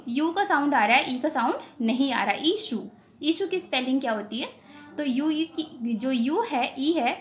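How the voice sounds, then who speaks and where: A woman teacher with an Indian accent explaining a phonics lesson, asking questions and repeating the sounds slowly. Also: high-pitched, a bit bright.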